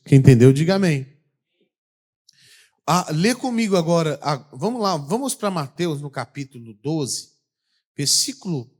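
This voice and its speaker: Animated Brazilian pastor, fairly high voice. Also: male voice. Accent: Brazilian Portuguese. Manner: animated preaching, asking the congregation questions. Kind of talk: sermon to a congregation.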